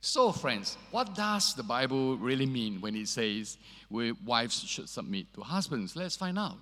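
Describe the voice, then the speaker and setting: A man preaching a sermon as pastor, earnest and measured, pausing on fillers, his voice ringing with a long cathedral-like echo. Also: mid-range voice, big pitch swings, bright, forceful tone. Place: church sanctuary. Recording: echoey church hall reverb.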